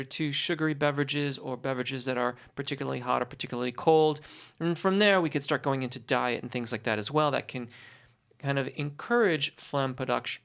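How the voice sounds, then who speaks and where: A voice teacher answering questions in a conversational, explanatory way, with encouraging, reassuring and deliberate, articulate phrasing. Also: mid-range voice, creaky, fairly bright tone, smooth.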